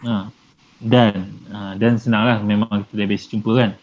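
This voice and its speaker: A man's voice: fairly low pitch, flat delivery, moderate pace, a little mellow. A man teaching Arabic grammar to a live class, patiently repeating and translating terms with many fillers. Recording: dull lo-fi with faint noise.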